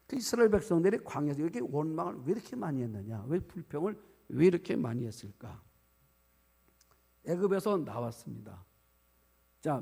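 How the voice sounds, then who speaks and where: Preaching to his congregation in a church sanctuary, this pastor stops now and then to ask them questions. He speaks with a fairly high pitch, a creaky quality, and a breathy edge, all wrapped in long church hall reverb.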